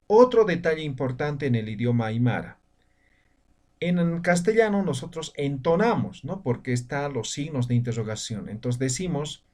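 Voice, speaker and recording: Male teacher, unhurried, slightly high voice, patient and repetitive, mic a bit far off. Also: a little mellow. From Bolivian altiplano. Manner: patient, repeats words and tags phrases with "¿no?". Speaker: Aymara language teacher. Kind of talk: slow video lesson.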